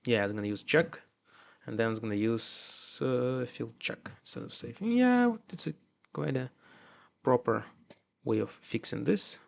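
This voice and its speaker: Slow, gravelly man with a Russian accent. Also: mid-range voice, steady tone. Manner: muttering to himself with halting restarts. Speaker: coding streamer. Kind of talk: live coding commentary.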